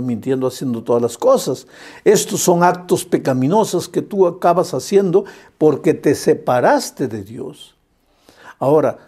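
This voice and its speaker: A male pastor delivers an impassioned sermon and hammers his points home through repetition. His voice sits high for a man, yet it sounds warm and mellow. He speaks straight to the listener with affection. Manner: impassioned, repetitive preaching cadence; addresses listener directly and fondly. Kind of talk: evangelistic sermon.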